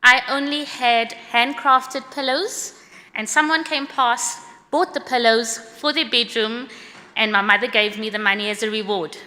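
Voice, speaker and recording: A middle-aged South African woman giving a prepared conference talk about a course she created, in a brisk, earnest, slightly read-out manner. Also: a little high, fairly even intonation, sharp tone. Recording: long hall reverb.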